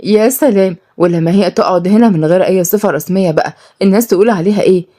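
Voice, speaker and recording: A woman's voice: medium pitch, racing, dark tone, lightly acted. A woman voicing a caring, coaxing older mother with an Egyptian accent. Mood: motherly. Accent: Egyptian Arabic.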